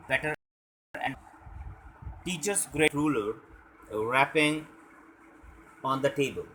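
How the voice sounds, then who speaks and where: A young male teacher reads a story passage aloud, then explains it in his own words. He talks very slowly in a fairly high voice, stopping often with "uh" and "okay". A faint noise sits under his voice. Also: fairly bright tone, poor audio. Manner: halting explanations full of "uh" and "okay".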